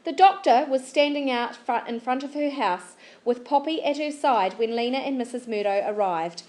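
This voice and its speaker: A woman reading a children's novel aloud in a steady, clear storybook narration. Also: sits high, moderate pace, echoey room. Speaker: audiobook reader.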